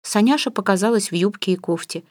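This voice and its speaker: A woman narrating a classic novel in a calm, measured reading voice. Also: medium pitch, dry recording, clean studio sound. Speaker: audiobook narrator. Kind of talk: scripted literary narration.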